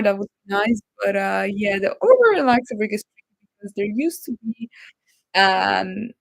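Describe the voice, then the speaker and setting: Chatty woman with a gravelly voice. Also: medium pitch, dry recording, rough recording. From Poland. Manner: rambling, chatty, reads viewer comments aloud. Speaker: livestream host. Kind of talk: casual live chat with viewers.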